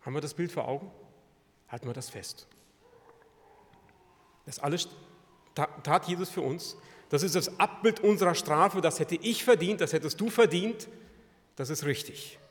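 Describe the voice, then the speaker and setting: A male preacher delivering a sermon in a fairly high voice, piling up rhetorical questions that swell into loud climaxes. His voice carries through the long reverb of a large church hall. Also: moderate pace, long pauses.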